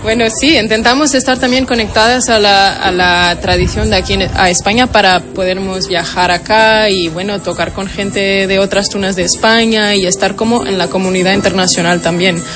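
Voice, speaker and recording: A young woman in her twenties with a Portuguese accent, speaking Spanish as a second language and often pausing to find her words as she answers interview questions. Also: mid-range voice, steady tone, music in the background. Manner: hesitant, searching for words. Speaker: interviewee, tuna member.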